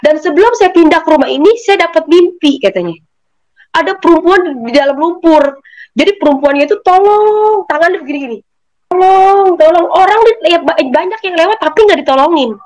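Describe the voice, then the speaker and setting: Woman, slightly high voice, animated storyteller giving her testimony. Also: fast, rough recording. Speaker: testimony giver. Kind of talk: personal faith testimony.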